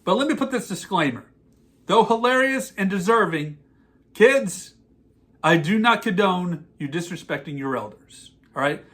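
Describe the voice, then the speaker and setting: A man's voice: sits high, lively intonation, moderate pace, a bit bright. A man hosting a podcast, giving a sarcastic, exasperated movie rant. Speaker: podcast host. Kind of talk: ranting movie commentary.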